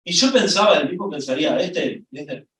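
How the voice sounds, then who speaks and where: A middle-aged man with an Argentine accent preaching a sermon, telling a story with lively rises in his voice. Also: a little high, normal speed, a little hiss or hum. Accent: Argentine Spanish. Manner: storytelling, lively, voice rising when excited. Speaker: pastor. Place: church hall. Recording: echoey church from far off.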